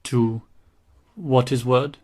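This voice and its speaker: A man voicing a huge, menacing female prisoner with a very deep voice, speaking broken words in a thick foreign accent in an audiobook. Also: fairly even intonation, takes it slowly, darkish tone. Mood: cruel. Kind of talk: audiobook character voice.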